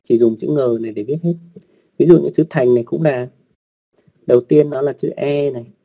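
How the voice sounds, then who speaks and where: Speaking at a medium pitch, an online language teacher takes his class through writing rules in a dark, gravelly voice with a husky edge. He is slow and patient, repeating words, using fillers, and offering polite asides to his learners.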